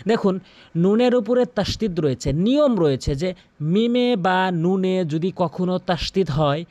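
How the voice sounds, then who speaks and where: A man teaching a Quran recitation lesson, repeating each sound slowly so listeners can practise along. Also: high-pitched, lively intonation, a little mellow, dry recording. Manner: stretches out chanted recitation in a drawn-out melodic voice. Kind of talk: pronunciation lesson.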